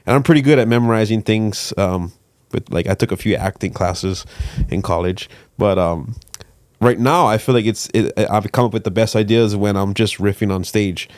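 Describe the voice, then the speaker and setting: A male comedian hosting a podcast, who talks in a halting, casual way and laughs between thoughts. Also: on the low side, a little mellow, no echo.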